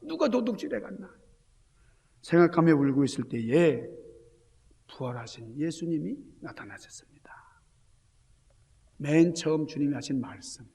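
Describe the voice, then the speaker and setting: Gravelly pastor preaching in a reverberant sanctuary. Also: male voice, fairly high pitch, sing-song, normal speed, pauses often. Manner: emphatic preaching with rhetorical questions to the congregation; swings between loud exclamations and hushed near-whispers. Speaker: senior pastor. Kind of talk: Easter sermon. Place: church sanctuary.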